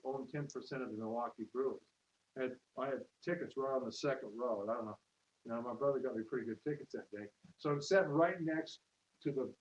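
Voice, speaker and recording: A man's voice: mid-range voice, a little mellow. A man telling stories in a rambling, casual way, quoting people in raised voices as he speaks to a room at an open house. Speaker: network marketer. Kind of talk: casual testimonial talk. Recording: distant roomy lo-fi livestream with hiss.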